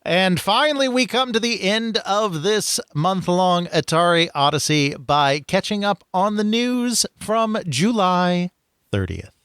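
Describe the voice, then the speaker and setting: Smooth-voiced man making wry asides. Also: high-pitched, lively intonation, measured pace, fairly bright tone, no room sound, studio quality. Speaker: podcast co-host. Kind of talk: conversational commentary.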